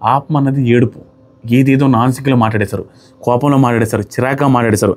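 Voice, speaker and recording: A man's voice: mid-range voice, steady tone, fast, darkish tone. A man giving an opinionated review of a reality show episode, arguing his points with pointed rhetorical questions.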